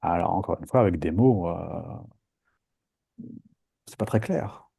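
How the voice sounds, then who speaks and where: Dark husky-voiced man teaching meditation. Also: low-pitched, unhurried. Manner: lively, playful, acts out inner voices. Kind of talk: live group meditation talk.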